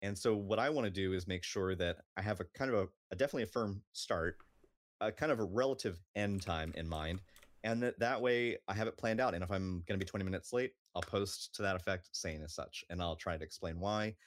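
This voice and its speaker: A man's voice: sits low, a little fast, no echo, studio quality. A man in natural unscripted talk, a streamer on a panel thoughtfully explaining his view with examples.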